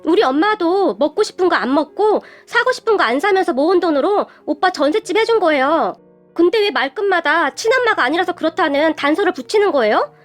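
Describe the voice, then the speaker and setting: Woman doing a screechy angry sister-in-law, high and sharp, light music. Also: animated, fairly quick. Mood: sarcastic. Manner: shrill yelling. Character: furious young woman, rude sister-in-law.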